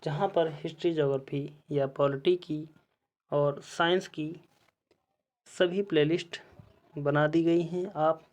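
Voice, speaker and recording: A male teacher giving an exam-prep lesson, reading out quiz questions and their options one by one in a measured way. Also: fairly high pitch, fairly even intonation, darkish tone.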